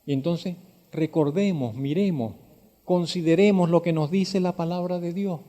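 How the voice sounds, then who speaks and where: A man preaching a sermon, asking direct questions of his listeners and building from quiet reflection to loud, emphatic exhortation. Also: high voice. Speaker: pastor.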